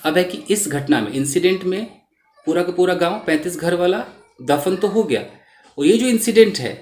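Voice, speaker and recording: A man teaching English in Hindi, reading lines from a news article slowly and then explaining the meaning of each word. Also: high-pitched. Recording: roomy echo.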